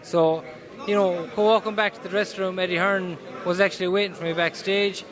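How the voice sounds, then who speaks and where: A man's voice: high voice, steady tone, fairly quick, crowd noise, low-quality recording. A man with a west of Ireland Mayo accent answering interview questions casually as a boxer, earnest and often repeating his phrases. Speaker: professional boxer being interviewed. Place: indoors in a boxing gym. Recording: busy gym noise behind voice.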